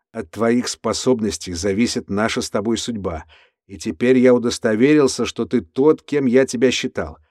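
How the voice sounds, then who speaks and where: A man's voice: lowish voice, no echo, close to an everyday voice. Male narrator doing an erratic prison cellmate, audiobook, preachy and volatile, dry booth sound. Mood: calm, confiding. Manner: lecturing, then erupting into shouts. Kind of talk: audiobook character voice.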